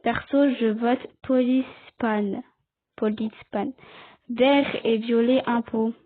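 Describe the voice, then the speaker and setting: A woman's voice: steady tone, slow. A woman giving casual commentary while playing a game online, chatting, explaining the rules and arguing with other players. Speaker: gaming video creator. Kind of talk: casual Let's Play commentary. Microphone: cheap headset or desk mic. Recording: tinny low-quality mic.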